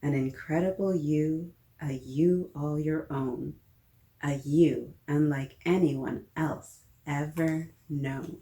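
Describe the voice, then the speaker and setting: Reading a picture book with playful expression, a story-time host speaks directly to the children listening. Her low voice takes its time, and the room echoes around her.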